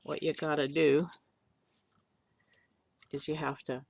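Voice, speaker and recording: An older woman talks through a clay craft at her table, taking her time with an unhurried, drawn-out pace. Her voice has a gravelly fry to it, and she rambles and cracks jokes at her own expense as she works. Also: sits low, little pitch movement, no room sound. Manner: rambling, joking, self-deprecating. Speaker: polymer clay artist teaching. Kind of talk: chatty craft tutorial. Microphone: webcam.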